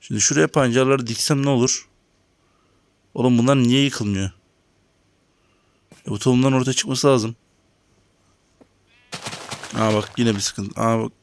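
A gaming channel host gives casual let's-play commentary on his own game, chatting with viewers and grumbling about lag as he plays. His voice is medium-pitched with fairly even intonation, unhurried and full of pauses, with no echo.

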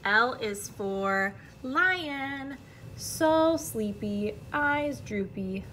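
Speaking extremely slowly in a slightly high, fairly bright voice with lively intonation, an American woman of about thirty reads a picture book to children in a classroom. Like a teacher, she's expressive and careful, with friendly asides to young listeners; the audio is poor, with a little hiss or hum.

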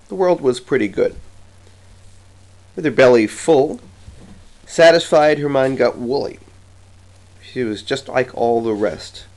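A man reciting a comic verse poem with a slow, theatrical, rhythmic delivery. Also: mid-range voice, gravelly, poor audio. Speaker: poetry reader. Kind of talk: dramatic poetry recitation.

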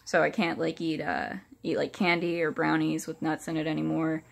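Young woman vlogging casually, kinda low voice, no upper teeth in so gummy soft words, halting and hesitant. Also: flat delivery, vocal fry. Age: young adult. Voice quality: soft toothless articulation, without upper dentures. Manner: hesitant, halting delivery with many pauses. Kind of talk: casual personal update to camera. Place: small furnished room indoors. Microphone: phone or camera at arm's length.

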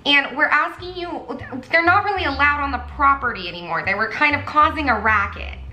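Prim front-desk clerk, bright and high, a woman putting her on; echoey room. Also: animated, a little fast, exaggerated voice. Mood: stern. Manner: stiff, formal, hesitant.

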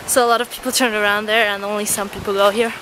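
A young woman chatting excitedly on a hiking trip, filming herself at arm's length outdoors by a stream. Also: medium pitch, fast talker, background noise. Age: young adult. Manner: chatty and excited, laughing often. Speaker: travel vlogger. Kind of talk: casual travel vlog. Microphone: camera phone held at arm's length.

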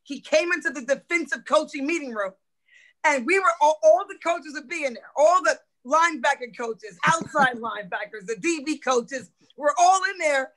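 A middle-aged woman, a former football coach, telling stories in a podcast interview, lively and swearing freely as she acts out quotes. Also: high-pitched, moderate pace, poor audio. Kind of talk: animated storytelling in a podcast interview.

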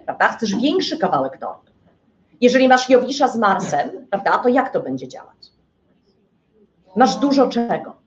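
Woman lecturer, lively and expressive, keeps checking in with listeners; dull lo-fi recording. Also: on the high side. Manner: asks rhetorical questions and answers them. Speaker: astrology lecturer. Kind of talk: live lecture to an audience.

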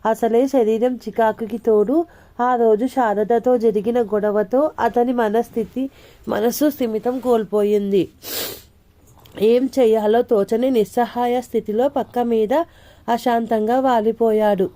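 A woman narrating an audio novel in a steady, even storytelling manner. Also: on the high side, measured pace.

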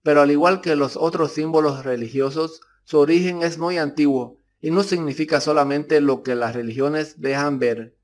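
A man reads a scripted narration in a steady, measured way. His voice sits a little high for a man, and he keeps an even pace through long lists.

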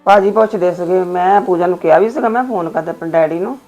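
A woman playing a quick-talking housewife. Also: fairly low pitch, darkish tone, dull audio, soft background music, lightly acted. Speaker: actor in a family drama. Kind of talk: village family drama acting.

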